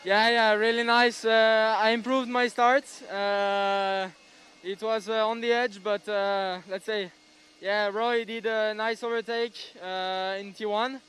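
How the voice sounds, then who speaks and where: Halting young French-accented man. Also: high voice, level tone, a bit bright, clear, resonant tone, low-quality recording. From France. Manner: halting, many fillers, happy. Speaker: race winner interviewed.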